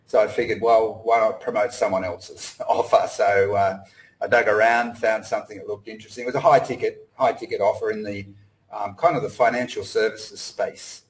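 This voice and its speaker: A man's voice: lowish voice, steady tone, moderate pace, low-quality recording. A middle-aged man from Australia giving a casual online presentation, rambling with lots of fillers and restarts. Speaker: webinar presenter. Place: home in Cambodia.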